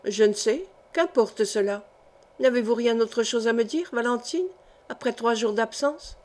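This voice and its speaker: An anguished young nobleman pours out bitter, passionate pleas to his wife, as a woman narrator reads his part. The reading is lightly acted in a somewhat high voice. It is an audiobook of a historical novel. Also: measured pace, darkish tone, close to an everyday voice. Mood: tender.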